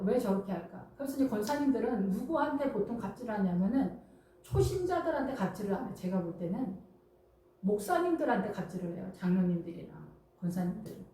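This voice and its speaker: A middle-aged woman pastor preaching a lively, humorous sermon, acting out quoted voices and often laughing. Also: a little high, very echoey, recorded from a distance, slight background noise, rough recording. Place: church.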